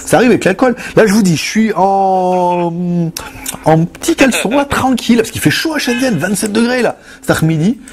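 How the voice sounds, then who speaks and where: A man's voice: high voice, lively intonation, a little fast, crowd noise. A young adult man hosting a loose, joking chat where he answers viewer questions. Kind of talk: casual chat.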